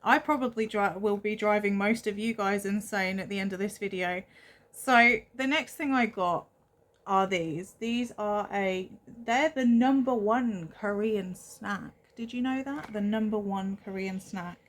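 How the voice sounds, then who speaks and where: A woman's voice: medium pitch, a little slow. A young woman from England, chatting casually and self-deprecatingly as she shows off a shopping haul on her vlog. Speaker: vlogger.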